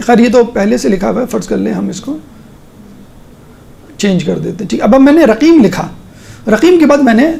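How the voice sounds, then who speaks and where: A religious teacher giving a casual online lesson, walking listeners through a screen step by step. The talk is conversational, with frequent check-ins, and scripture is recited in slow, measured phrases. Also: mid-range voice, vocal fry, darkish tone.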